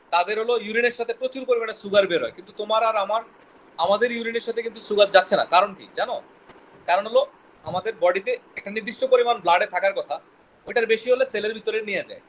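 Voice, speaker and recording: A man lectures a biology class at a quick clip in a high voice, often quizzing his students and stumbling over technical words. Faint room ambience sits behind him. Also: a bit bright, a little hiss or hum, low-quality recording. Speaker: biology teacher.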